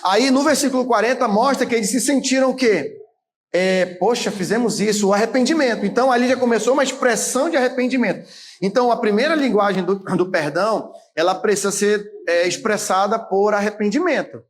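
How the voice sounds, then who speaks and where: A man in his late thirties, a pastor, preaching a sermon in a conversational way, with frequent tag questions and occasional shouted emphasis. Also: high voice, fairly quick. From Brazil. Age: 30s.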